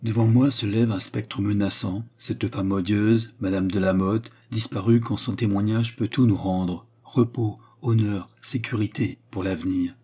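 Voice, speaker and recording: A man's voice: lowish voice, fairly even intonation, measured pace, few pauses, warm tone, slightly rough. A man voicing a grave, sad and loyal nobleman in an audiobook reading of a novel, speaking earnestly and solemnly. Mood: earnest, alarmed.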